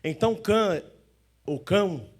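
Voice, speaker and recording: A man preaching a sermon as pastor in a church, animated, often acting out the voices of the people he describes. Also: sits high, unhurried.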